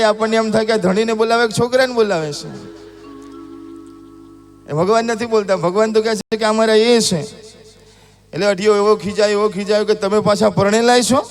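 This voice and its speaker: A male preacher telling a devotional story in a sermon, acting out the characters with drawn-out calls. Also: high-pitched. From Gujarat. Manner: acts out characters' voices in a drawn-out calling tone.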